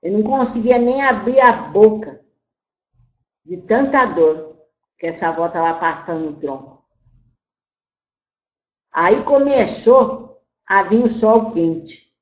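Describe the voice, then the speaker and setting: A woman's voice: mid-range voice, lively intonation, slow, pauses often, narrow, tinny audio. A woman voicing the spirit of an old, once-enslaved grandmother. In a channeled spiritual talk, she scolds her listeners and calls them "my child". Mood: mournful telling. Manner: storytelling, repeats "my child", scolds then grieves. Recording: roomy echo.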